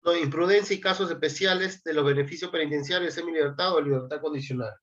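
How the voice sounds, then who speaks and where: A man's voice: on the high side, fast talker, a bit bright, lo-fi sound. A man giving a law class, reading statute articles aloud and prompting his students to answer. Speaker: law lecturer. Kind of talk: classroom lecture.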